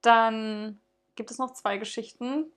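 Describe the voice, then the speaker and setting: A woman's voice: a little high, fairly even intonation, slow pace. A woman co-hosting a casual chat, chatty and restarting her sentences often. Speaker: podcast co-host.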